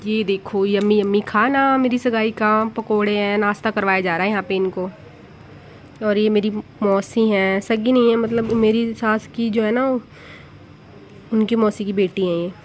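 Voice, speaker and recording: A woman's voice: medium pitch, fairly even intonation, moderate pace, a little hiss or hum. A woman in her thirties, a vlogger, chatting casually and with amusement as she walks through her wedding photos.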